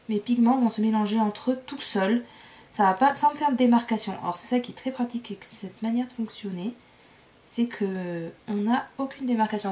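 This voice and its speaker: A woman hosting a casual coloring tutorial, chatty and relaxed, with frequent fillers and small self-corrections. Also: mid-range voice.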